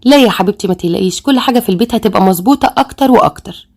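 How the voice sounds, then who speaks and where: Woman doing a calm Egyptian stepmother. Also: mid-range voice, racing, vocal fry, breathy edge. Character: calm, patient middle-aged stepmother.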